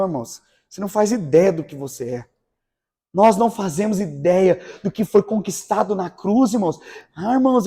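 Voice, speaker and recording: A pastor delivers an evangelical sermon in a church. He swings between quiet, confiding asides and sudden shouted exclamations. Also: very high voice.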